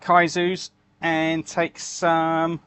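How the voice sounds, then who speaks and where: A man talks in an unhurried, easygoing way, answering viewers as he works. His voice sits a little higher than most men's. He lets his words stretch out slowly between tasks. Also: smooth. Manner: relaxed, chatty, reads and answers viewer comments. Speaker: livestream host making fishing lures. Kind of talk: casual live-stream chat while crafting.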